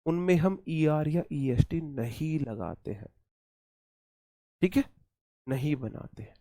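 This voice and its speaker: A man teaching English grammar for exam preparation, repeating words slowly and calling his students "brother". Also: on the high side, expressive, mellow, dry recording, clean studio sound. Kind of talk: exam-prep lecture.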